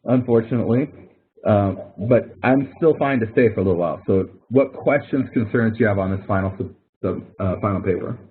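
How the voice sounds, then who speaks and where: A college professor with a fairly low, husky voice talks fairly quickly, walking through explanations step by step and repeating points for emphasis in an informal online tutoring session. He's on an online call microphone, and the audio has the thin, phone-like quality of a web conference.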